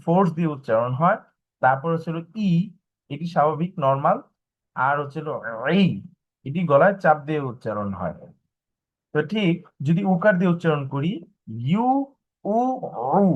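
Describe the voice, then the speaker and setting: A man teaching Arabic pronunciation in a live online class, slowly repeating each letter sound and checking in with his students. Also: fairly high pitch. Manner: patient, checks in with "okay?". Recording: dull lo-fi online class audio.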